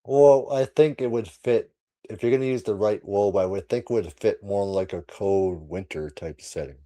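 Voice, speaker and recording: A man's voice: fairly low pitch, moderate pace, warm tone, no room sound. A man hosting a casual horror podcast chat, laughing often and trailing off with "so". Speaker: channel host.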